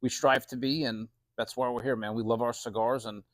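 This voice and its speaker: A man in his late forties chats casually as an interview guest, his middling pitch captured in a dry, echo-free recording. He comes across plain-spoken, friendly and earnest, like a shop owner talking with a regular, with fairly even intonation and a slightly fast pace.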